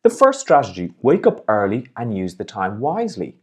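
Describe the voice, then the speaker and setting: Upbeat man with a lively voice. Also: fairly low pitch, normal speed, breathy edge. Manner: upbeat, encouraging, smiling as he speaks. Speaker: life and business coach, host. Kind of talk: motivational video talk.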